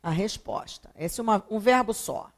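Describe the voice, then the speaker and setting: A woman's voice: mid-range voice, moderate pace. A woman teaching a grammar lesson, explaining each step and asking and answering her own questions. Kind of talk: classroom lecture.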